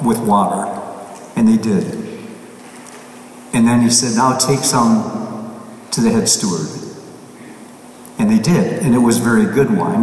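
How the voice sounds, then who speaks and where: A man preaching as a priest in a large church, his voice ringing with heavy cathedral echo and a long, lingering reverb. He sounds distant from the microphone, with faint noise underneath. His delivery is plain and halting, often restarting a phrase mid-sentence. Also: mid-range voice. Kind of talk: gospel reading and homily.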